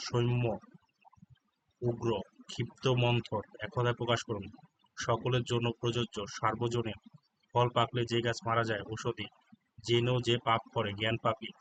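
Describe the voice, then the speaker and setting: A man with a Bangladeshi Bengali accent, working as an exam prep tutor and reading out exam answers in a monotone, dictating spellings letter by letter. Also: medium pitch, slight background noise, poor audio.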